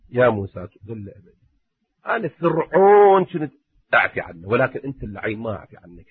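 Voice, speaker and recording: A man's voice: lowish voice, no room sound. Male preacher, impassioned storytelling, dry tinny lo-fi sound. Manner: impassioned, swings from loud warnings to hushed asides. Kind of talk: sermon storytelling. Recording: muffled, narrow phone-like sound, husky and dry.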